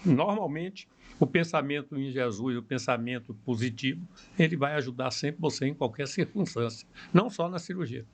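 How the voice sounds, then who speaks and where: An older man with a Brazilian Portuguese accent speaks as a plastic surgeon guest on a podcast. He explains things calmly and in measured steps. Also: mid-range voice. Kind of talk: interview answers.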